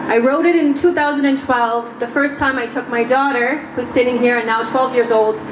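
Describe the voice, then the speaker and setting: A high-voiced woman tells personal stories and reads a poem at an outdoor rally. She mixes in Arabic blessings. Her voice echoes over loud traffic noise. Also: steady tone, moderate pace. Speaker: poet and rally speaker. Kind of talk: personal rally speech and poetry reading.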